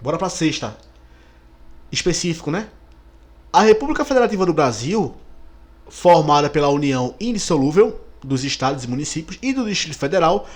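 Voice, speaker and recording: A fairly high-voiced man with a Brazilian Portuguese accent walks students through exam questions. He is lively, stretches out key words and keeps checking that the class follows. His delivery is that of a teacher working through a practice test.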